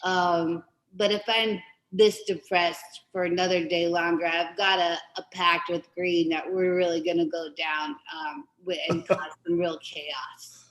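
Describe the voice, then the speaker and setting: A woman comedian hosting a show, telling a rambling deadpan bit with many fillers, then handling business. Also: on the low side, a little slow, poor audio. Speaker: host.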